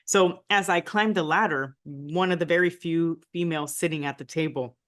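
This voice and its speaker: Speaking at a normal speed in a low-pitched voice, a woman tells her story during a conversational interview, sprinkling in "right?" often. She is a former diplomat, American-born with a Nicaraguan family background.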